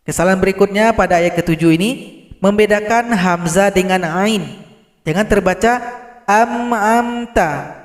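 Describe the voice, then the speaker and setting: A man teaching Quran recitation, explaining pronunciation mistakes and chanting verses slowly in between. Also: high-pitched, steady tone, echoey room. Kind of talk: tajweed lesson with recited examples.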